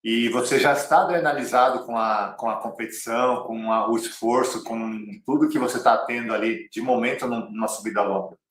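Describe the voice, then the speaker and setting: A man's voice: medium pitch, fairly quick, hardly any pauses, fairly bright tone. A man with a Brazilian Portuguese accent teaching an online cycling lesson, direct and repeating key phrases like a coach. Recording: roomy, slightly distant mic.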